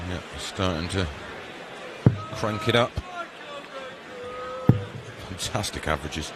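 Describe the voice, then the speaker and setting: A man's voice: low-pitched, takes it slowly. A man giving conversational analysis as co-commentator on a live darts match. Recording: very loud crowd and noise. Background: roaring darts arena crowd.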